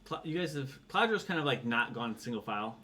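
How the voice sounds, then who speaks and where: A man acting as game master, narrating a tabletop game in a halting, deliberate way and chatting casually with players. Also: mid-range voice, animated, sharp tone, slight background noise.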